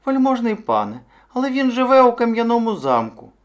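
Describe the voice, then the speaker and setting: A man's voice: very high-pitched, brisk, pitched above the performer's own voice. A man voicing a timid, sly little male hare who speaks with exaggerated politeness in a storybook tale. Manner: overly polite, flattering. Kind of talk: storybook read-aloud.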